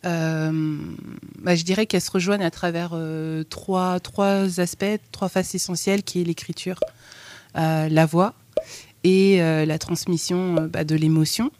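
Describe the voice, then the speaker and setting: A woman's voice: lowish voice, steady tone, a little mellow, no echo. Hesitant woman guest in a studio. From France. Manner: halting, many hesitations. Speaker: guest author and therapist. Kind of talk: radio interview answers. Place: radio studio.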